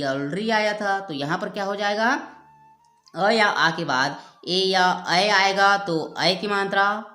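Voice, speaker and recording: A woman teaching grammar at a slow, unhurried pace, patiently repeating each sound and example. Her voice sits a little low and rings in an echoey room, with faint music underneath. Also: fairly bright tone. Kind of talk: explaining step by step with a whiteboard.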